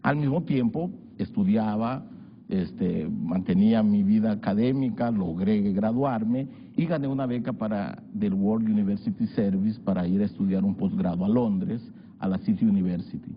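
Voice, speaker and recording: Low-voiced Salvadoran man in his sixties. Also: breathy edge. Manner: measured, reflective, with frequent hesitations. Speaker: journalist and author guest. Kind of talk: televised interview, recounting his life. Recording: dull lo-fi broadcast audio with faint hiss.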